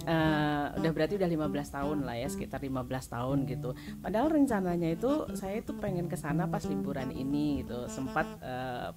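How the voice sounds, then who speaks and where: A chatty middle-aged woman giving a personal testimony at a church service, laughing often and filling her talk with small tags. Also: low voice. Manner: chatty, laughs often while telling stories; many fillers like "gitu ya".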